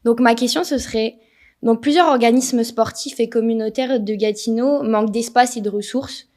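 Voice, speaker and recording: A young woman from France speaks with a French accent and a slightly high voice. She is a student putting a polite, prepared question to a panel guest. She is recorded in a studio. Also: fairly even intonation, moderate pace, a little mellow.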